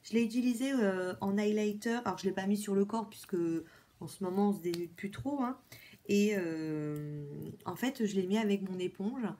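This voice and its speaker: A woman talks casually to her viewers, reviewing makeup as she goes. She repeats words often and fills her pauses with fillers. Her voice sits at an ordinary middle pitch. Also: warm tone. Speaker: beauty vlogger. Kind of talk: casual product review chat.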